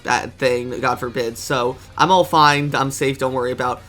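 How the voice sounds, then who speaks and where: A man's voice: medium pitch, fairly even intonation, moderate pace, bright, forceful tone, soft background music. A man with a congested, stuffy voice, talking eagerly and casually as a video reviewer, often correcting himself mid-sentence. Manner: eager, enthusiastic, self-correcting.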